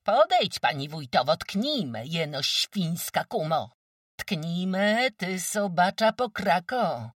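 A reader doing a jeering, shrill peasant woman. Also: very animated, slow, a bit bright, no room sound, studio quality, distant mic, exaggerated voice. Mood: shrieking anger. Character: mocking, foul-mouthed peasant woman neighbor. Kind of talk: audiobook character reading.

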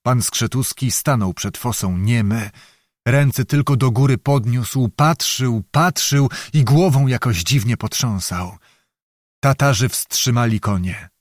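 Measured male audiobook narrator, dry sound. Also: mid-range voice, no echo. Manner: measured, dramatic storytelling. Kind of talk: scripted narration of a historical novel.

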